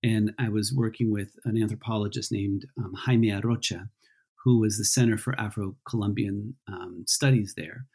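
Husky, low-voiced male historian guest. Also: steady tone, moderate pace, darkish tone. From Peru. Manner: thoughtful, many ums and restarts. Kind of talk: casual interview answers.

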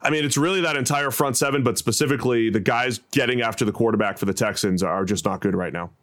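An American man hosts a sports show in a conversational analyst style. His pitch is in the middle range for a man, and he lays out his points like someone chatting with a colleague. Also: quick pace, fairly bright tone. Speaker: sports podcast host.

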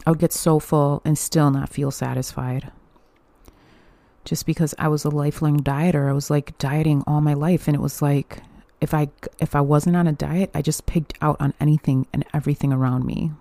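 A woman's voice: deep voice, fairly even intonation, normal speed, dark tone, no room sound. A young woman hosting a podcast alone, talking candidly and chattily, swearing freely and laughing often. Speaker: podcast host. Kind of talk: casual solo podcast monologue.

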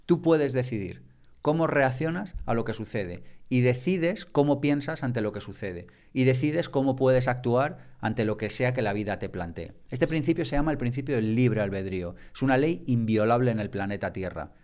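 A man's voice: mid-range voice, expressive, moderate pace, darkish tone. Reflective man explaining ideas. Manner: reflective, emphatic, conversational. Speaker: podcast guest, author. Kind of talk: reflective podcast talk.

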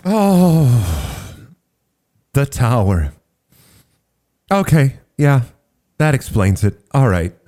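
A man's voice: mid-range voice, sing-song, extremely slow, long pauses, warm tone. A man running a tabletop game as game master, voicing people and narrating.

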